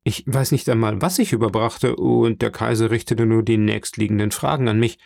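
A man reading the part of a young, dutiful ship's first mate in an audiobook, brisk and polite. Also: on the low side, steady tone, vocal fry, a little mellow, no echo, studio quality.

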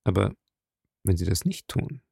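Man doing a stern police captain, blunt questions, gravelly, dry sound. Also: low voice, expressive, unhurried, a little mellow, no echo, exaggerated voice. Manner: blunt, interrogating. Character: sharp, probing male police captain.

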